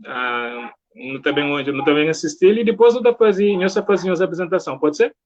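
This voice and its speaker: A man with a Cape Verdean accent hosts a casual live online interview, welcoming and informal in manner. His voice is on the high side and he talks fast. The live stream audio is dull and lo-fi.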